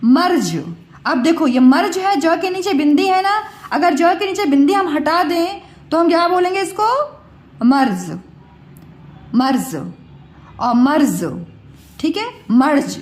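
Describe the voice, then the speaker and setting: A woman teaching Hindi spelling, patiently explaining and repeating words as she questions her pupils. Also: extremely high pitch. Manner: slow, repeats words and asks the class questions. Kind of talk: patient classroom explanation to children. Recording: echoey room.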